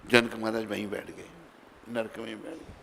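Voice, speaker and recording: Male preacher, gravelly voice, storytelling sermon, dramatic loud and soft turns, echoing hall, faint noise behind. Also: on the low side, fairly even intonation, moderate pace.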